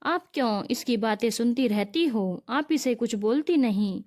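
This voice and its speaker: A woman's voice: fairly high pitch, animated, unhurried, a little mellow. A woman voicing a young husband who firmly scolds his wife for disrespecting his mother. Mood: scolding. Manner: firm, scolding.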